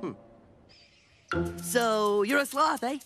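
A man's voice: very high-pitched, slow pace, creaky, music in the background, full character voice. An actor playing a friendly, dim-witted jungle strongman in a cartoon, simple and boyish, referring to himself by name. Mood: cheerful, friendly. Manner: talks of self in third person, simple and boyish. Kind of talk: cartoon voice acting.

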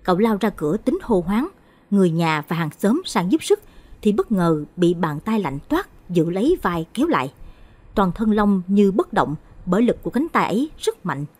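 A woman narrating a late-night horror story with a husky voice. Her pitch swings widely as she tells it with drama and expression. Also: very animated, moderate pace, a little mellow.

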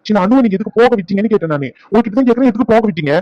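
A man's voice: high voice, very fast, no room sound, muffled recording. A voice actor playing an angry family man who demands answers in a cartoon drama.

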